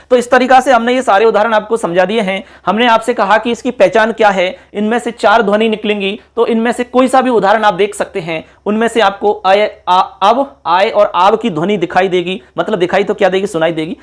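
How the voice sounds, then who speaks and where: A man teaching a class at a board, patiently spelling out each example and repeating it slowly, often checking that the students follow. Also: high-pitched. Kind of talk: classroom lecture.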